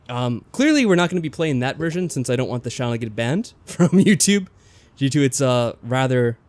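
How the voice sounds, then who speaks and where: Reading game text aloud and offering casual, slightly tentative commentary, a let's play host speaks in a mid-range, somewhat mellow voice. The recording is dry, with game music in the background.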